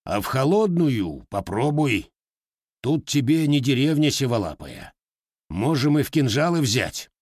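A proud Cossack blacksmith, played by a male reader, firm and scornful, with a lively voice. Dry, close storybook sound. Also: medium pitch, unhurried, no room sound, pitched above the performer's own voice. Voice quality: firm, contemptuous.

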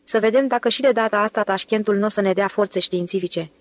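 An eager young museum director chatters on about new buildings and institutes, as a woman narrator reads him. His voice sits at a middle pitch and sounds dry and close. He is boastful and keen in an audiobook. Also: no echo, close to an everyday voice. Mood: enthusiastic. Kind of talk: audiobook character voice.

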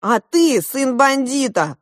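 A haughty storybook boy prince who talks down to his rival, put on by a woman reading aloud. The voice sits high and lively, with a pushy, lecturing edge. The recording is close and dry. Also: unhurried, dry recording. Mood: earnest. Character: boastful young underwater prince, boy, proud and argumentative.

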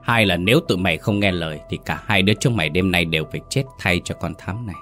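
A man's voice: sits low, quick pace, pushed and bright, soft background music. A man voicing a cruel, scheming second wife of a landlord, giving cold and contemptuous orders in a storybook tale. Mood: menacing. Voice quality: cold, hissing threats. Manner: contemptuous, commanding.

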